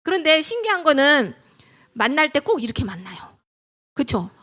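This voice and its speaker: A middle-aged woman giving a lively church lecture on family life, telling stories and asking the audience questions. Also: high voice, normal speed. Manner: animated storytelling, asks audience questions.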